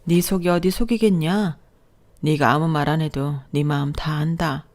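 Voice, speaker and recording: A woman reading the part of a frail, gentle elderly mother-in-law who speaks tenderly and apologetically. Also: deep voice, steady tone, moderate pace, natural voice.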